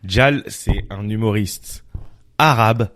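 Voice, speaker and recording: A man's voice: on the low side, slow, a bit bright, no room sound, studio quality. A man co-hosting a casual chat podcast, talking in a slangy, offhand way. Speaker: podcast co-host.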